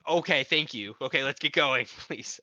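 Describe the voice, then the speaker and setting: A man's voice: medium pitch, normal speed, sharp tone, lo-fi sound. A man playing a tabletop game, chatting casually as he improvises his role.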